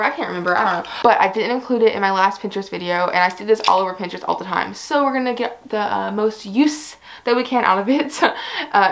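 There's a little hiss or hum on the recording of this young woman, whose voice is on the high side and creaky. In her casual fashion try-on vlog she talks to camera in a bubbly, giggly way, slightly breathless, peppering her speech with "like" and "I don't know."

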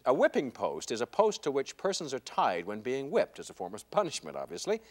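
A man in his thirties hosts a television game show. His medium-pitched voice swings widely up and down, and his manner is wry and conversational, with ad-libbed asides. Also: wildly swooping pitch, brisk. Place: television studio. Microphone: lapel mic.

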